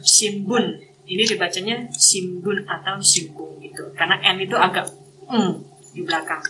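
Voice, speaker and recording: A woman's voice: fairly low pitch, normal speed, noisy background. A woman from Indonesia, a guest speaker giving a casual online lesson over a video call, explaining step by step with many examples. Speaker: guest speaker teaching Japanese.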